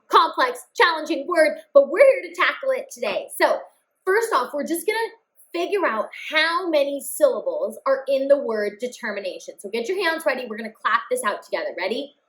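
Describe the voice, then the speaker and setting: A woman teaching children a phonics lesson, upbeat and encouraging, drawing out words slowly as she models them. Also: high voice, poor audio. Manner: upbeat, addresses kids as friends, slow drawn-out words.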